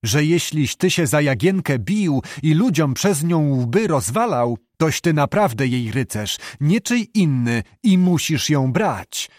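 A man reading an audiobook, voicing a hot-tempered, domineering old abbot who blusters and shouts. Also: a little high, big pitch swings, unhurried, no echo, clean studio sound. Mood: angry.

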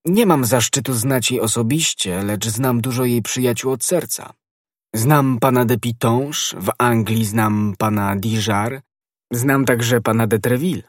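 A man's voice: medium pitch, measured pace, no echo, clean studio sound, close to an everyday voice. A man voicing a cunning, deceitful noblewoman in an audiobook, guarded and evasive. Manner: stammering, evasive when cornered.

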